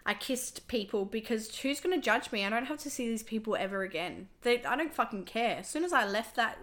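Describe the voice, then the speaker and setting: Bright-voiced woman host. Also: fairly high pitch, expressive, fairly quick. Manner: chatty, filler-heavy, confessional. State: losing her voice. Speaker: podcast host. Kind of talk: casual podcast chat.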